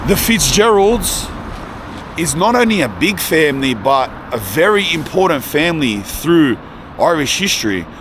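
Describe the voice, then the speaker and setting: A man's voice: fairly high pitch, a bit bright, slight background noise. A young Australian man talking casually to the camera in a travel vlog, rambling with lots of fillers and restarts. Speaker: travel vlogger.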